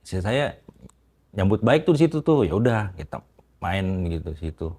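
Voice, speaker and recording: A man with a very low voice recounts a private story in a halting, casual way, stumbling over restarts and fillers. He talks mostly quietly as an interview guest, his tone growing louder when the story gets tense. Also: very animated. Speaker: interviewee telling a personal story.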